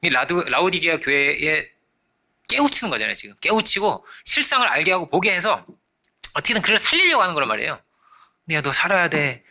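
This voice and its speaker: A man preaching a sermon as pastor, animated, often checking in with his listeners and acting out the voices in his story. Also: on the high side, fast talker. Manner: animated, acts out quoted voices; frequent rhetorical checks to congregation.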